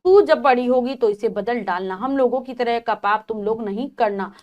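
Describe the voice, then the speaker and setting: A woman teacher voicing a weary, resigned mother who gently explains herself to her daughter in a storybook reading. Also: a little high, normal speed, dull audio, close to an everyday voice.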